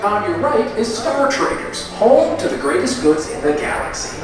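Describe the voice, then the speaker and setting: An actor voicing a chipper robot tour guide, heard through a theme-park ride's onboard loudspeaker as scripted narration. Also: medium pitch, sing-song, normal speed, distant mic. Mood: upbeat. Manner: chipper, playful, announcer-like. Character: cheerful robot tour guide of a futuristic train. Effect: played over a ride's onboard loudspeaker. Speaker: recorded ride narrator. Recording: echoey loudspeaker from afar over music.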